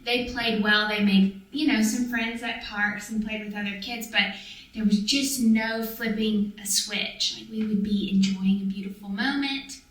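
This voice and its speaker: A woman's voice: a little high, fairly bright tone. Reflective woman in an echoey room. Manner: thoughtful, talks in long run-on sentences. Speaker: vlog co-host. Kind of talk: casual reflective chat. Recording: echoey room, distant mic.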